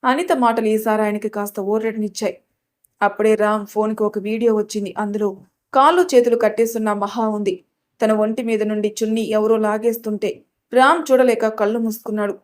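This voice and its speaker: A woman narrating a scripted love story with an expressive, dramatic reading. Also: on the high side.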